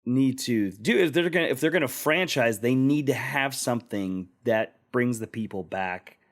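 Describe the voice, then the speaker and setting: A man co-hosting a podcast, rambling through anecdotes with a relaxed, casual manner. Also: medium pitch, normal speed. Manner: rambling storyteller, many restarts. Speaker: podcast co-host.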